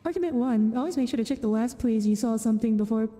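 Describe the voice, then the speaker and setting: A woman streaming a game, chatting loosely and correcting herself as she goes. Her tone is mellow and relaxed, slightly above middle pitch, with a long reverb trailing the voice. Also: fast, soft background music. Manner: rambling, chatty asides, self-correcting. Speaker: vtuber streamer. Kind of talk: casual gameplay commentary.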